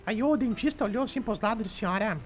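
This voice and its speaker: A man's voice: high voice, very fast, soft background music. A man voicing a cheeky elderly grandmother who tells bawdy jokes on a radio show. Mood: joking. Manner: chatty joke-telling, stammering punchlines. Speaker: radio comic character.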